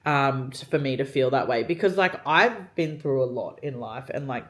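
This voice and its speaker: A woman's voice: rumbling low, animated, normal speed, slight background noise. Chatty, swearing young woman vlogger. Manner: chatty, heavy swearing, many "like" fillers. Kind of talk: get-ready-with-me storytime.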